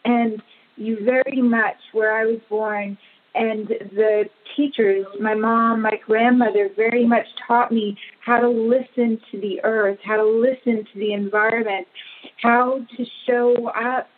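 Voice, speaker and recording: Slow-speaking woman on a tinny line. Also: fairly high pitch, steady tone. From Pakistan. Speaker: guest. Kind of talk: interview, personal storytelling. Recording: phone-like narrow audio.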